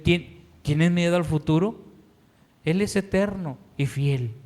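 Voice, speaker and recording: A male pastor with a Mexican Spanish accent preaches slowly and earnestly, his pleading voice sitting a little high. It rings out with the long reverb of a church hall. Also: a little mellow. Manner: earnest, pleading, slow deliberate delivery. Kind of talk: sermon. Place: church sanctuary.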